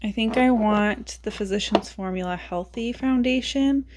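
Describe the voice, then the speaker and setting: This beauty vlogger talks about her makeup at a normal speed against a noisy background. Her mid-range voice is going raspy as she loses it, and her casual musings poke fun at herself.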